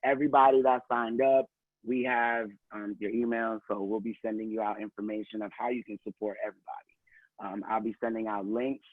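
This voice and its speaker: A man's voice: fairly low pitch, level tone, brisk, no room sound. A man speaking on a video call as communications director, nervous and giggly but earnest. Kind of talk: casual online panel talk. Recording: tinny phone-like audio.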